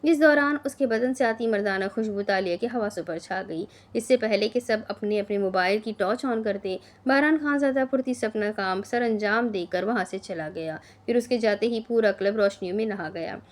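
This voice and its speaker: A woman gives scripted narration of a romantic audio novel. Her reading is expressive and dramatic. Her pitch sits in the middle range for a woman. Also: normal speed, hardly any pauses.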